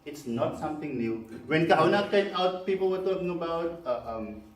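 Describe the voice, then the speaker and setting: A man whose first language is Afrikaans speaks with a South African accent as he presents a live seminar to a room, chatting with many fillers and putting questions to the audience. His voice is fairly high, with lively intonation at normal speed. The room is echoey, the mic is far off, and there is faint background noise.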